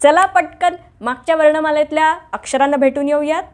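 A woman hosting a children's alphabet lesson, talking in a lively way and drilling letters with clapping. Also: high voice, a little fast. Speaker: teacher and host of a home-learning show.

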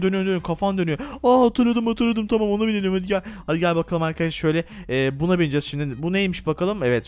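Excitable high-pitched young man gaming. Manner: excitable, yelps and gasps on the rides. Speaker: gaming video host. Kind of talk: playful gameplay role-play commentary.

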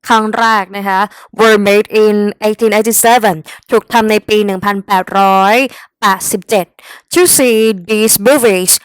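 A woman's voice: medium pitch, steady tone, slow, smooth, dry recording. A young woman with a Thai accent, teaching English vocabulary in a chatty way and addressing her students directly. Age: young adult. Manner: chatty, talks straight to the students as "kids", mixing English words into her lesson. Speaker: English tutor. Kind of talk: exam-prep vocabulary lesson.

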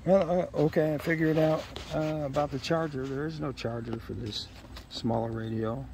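His voice sits on the high side, gravelly and darkish, with a steady tone at normal speed. A middle-aged man, he casually unboxes gear in a leafy yard, musing in short, hesitant fragments without a script, and outdoor ambient noise runs behind him.

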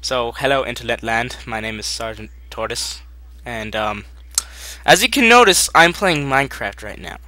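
A man's voice: medium pitch, expressive, moderate pace, pushed and bright, dry recording. A young man casually commentating his game, goofy and bickering, full of fillers and laughs. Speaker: gaming commentator. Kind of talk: casual Minecraft commentary with a friend.

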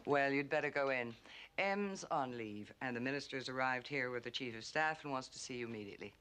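An actress playing a playful, flirtatious office secretary in a film drama. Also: female voice, very deep voice, animated, brisk, fairly bright tone. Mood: brisk.

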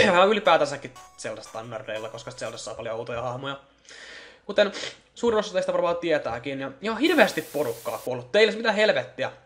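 A young man talks over a horror game in a loose, offhand way. He swears easily and pokes fun at the scares, at a middle pitch with faint music playing in the background. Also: a bit bright. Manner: swearing, joking, mocking the scares. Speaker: let's play gamer. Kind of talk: casual horror game commentary.

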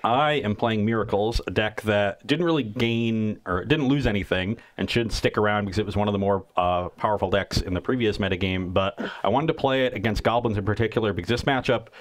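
A man with a fairly low voice co-hosts a card game match. He breaks down strategy in long, steady, analytical explanations, in a casual tone. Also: brisk, hardly any pauses.

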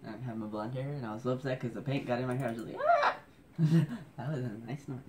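Scrolling through old photos at night, a man vlogs quietly at home to avoid waking anyone, wandering off on tangents and making jokes at his own expense. His medium-pitched, darkish voice races along very fast over slight background noise.

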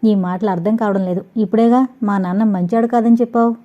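A woman's voice: mid-range voice, fairly even intonation, quick pace, lightly acted. A woman reading an anxious young woman in love. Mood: worried. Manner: pleading, worried. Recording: dull lo-fi audio.

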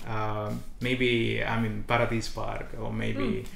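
A young Honduran man, a native Spanish speaker with a Honduran Spanish accent, speaks slowly in a lowish, gravelly voice as an international student guest in a casual interview. He's an animated storyteller with frequent fillers and restarts, recorded in an echoey, small colorful indoor lounge with a little hiss or hum.

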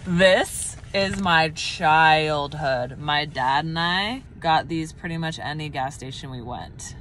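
A woman's voice: sits low, slow pace, fairly bright tone, slight background noise. A young woman in her twenties chatting casually on a travel vlog, gushing about food and sights, recorded on a handheld phone. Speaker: vlogger. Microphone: handheld phone camera. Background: background music.

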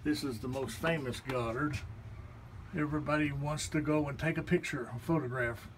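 A man's voice: fairly high pitch, normal speed, a little hiss or hum. A man, casually showing visitors around a small art gallery and pointing out paintings one by one. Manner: relaxed, folksy, pointing things out one by one. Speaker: artist giving a gallery tour. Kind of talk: casual walking tour narration. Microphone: handheld phone camera.

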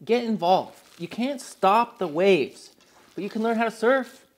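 A man's voice: sits high, expressive, measured pace. A man in his thirties hosting a home cooking tutorial in a kitchen, enthusiastic with playful asides. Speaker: cooking show host.

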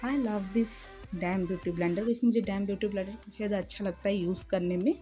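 A young woman narrating her makeup tutorial as a voice-over, speaking slowly and softly at night with a chatty, friendly manner. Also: mid-range voice, fairly even intonation, faint music behind. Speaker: beauty vlogger. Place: room in a house by a main road at night. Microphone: home voice-over recording.

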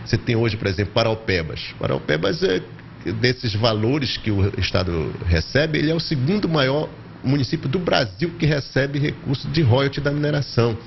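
A middle-aged man explaining things as a geologist in an office interview, pausing now and then, into a handheld mic. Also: medium pitch, very animated, vocal fry, lo-fi sound, slight background noise. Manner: explanatory, with hesitations. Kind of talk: interview answer. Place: office with bookshelves.

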